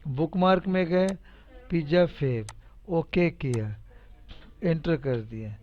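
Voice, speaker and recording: A man's voice: fairly high pitch, slow pace. A man with a slightly raised voice runs a casual spreadsheet tutorial, repeating each step aloud and cheering his students on with playful teasing. The sound is a little dull and lo-fi. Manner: chatty, repetitive, teasing and encouraging. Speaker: computer teacher. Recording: dull lo-fi recording.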